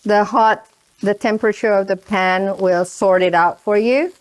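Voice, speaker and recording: With a pan sizzling in the background, an Indonesian woman hosts a cooking demonstration, chatty and fond of checking in with "right?". She has a medium-pitched, clear, resonant voice, a steady tone and a slightly slow pace.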